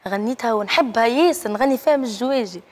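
A woman's voice: fairly high pitch, racing. A Tunisian woman, a singer guest on a talk show, chatting emotionally and singing live. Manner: emotional, tearful about her brother.

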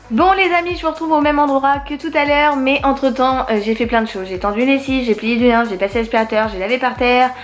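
A woman's voice: high-pitched, fairly even intonation, a little fast, faint music behind. Chatty young woman in an echoey room. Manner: chatty, many fillers and restarts. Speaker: vlogger. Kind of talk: casual vlog chat to camera. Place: her home, indoors.

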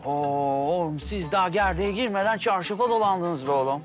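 A blunt, folksy mentor. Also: male voice, sits high, lively intonation, brisk. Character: blunt older mentor, teasing. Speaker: master craftsman and mentor. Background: background music.

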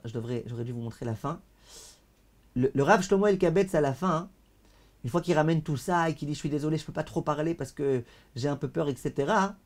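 A man, a rabbi giving a lesson over a video call. He declaims passages loudly, then translates them more calmly, and often repeats words as he searches for them. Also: on the high side. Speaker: rabbi teaching.

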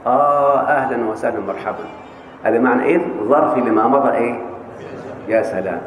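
A man lecturing on Arabic grammar with an Egyptian accent, often pausing to quiz his students on the answer. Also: medium pitch, a little hiss or hum. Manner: questioning students, coaxing answers. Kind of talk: classroom lecture. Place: large mosque hall. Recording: echoey hall with faint ambience.

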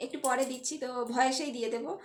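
A woman's voice: high voice, fairly even intonation, racing. A young woman chatting casually to her viewers in a home vlog, talking with many fillers and restarts. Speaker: vlogger.

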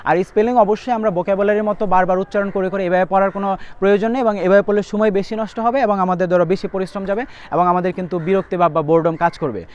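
A young man tutoring students for an entrance exam, spelling words out letter by letter. He speaks at a very rapid clip in a fairly high voice. His manner is that of a direct spoken lesson. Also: fairly even intonation, a little mellow, smooth, muffled recording. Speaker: admission test English tutor.

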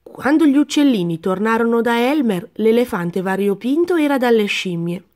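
A woman reading a children's picture book aloud in a calm, gentle narrating voice. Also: a little high, moderate pace. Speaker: storyteller. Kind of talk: children's story read-aloud.

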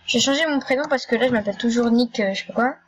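A woman giving casual, chatty commentary while playing an online game, excitable and prone to stammering and repeating herself. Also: on the high side, racing, rough recording. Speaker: gaming YouTuber.

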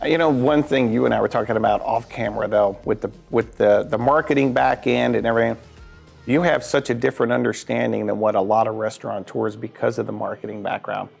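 Gravelly-voiced man hosting with faint music. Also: mid-range voice, steady tone, quick pace. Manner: upbeat, joking, eats while talking. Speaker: show host. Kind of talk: casual interview. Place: brick-walled restaurant booth, indoors. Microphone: lapel mic.

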